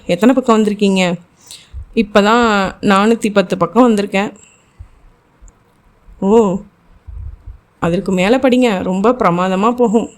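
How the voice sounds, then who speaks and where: Woman narrating a thriller novel. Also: mid-range voice. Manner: reads every character's lines in her own voice. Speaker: audiobook narrator. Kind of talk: scripted novel narration with voiced dialogue.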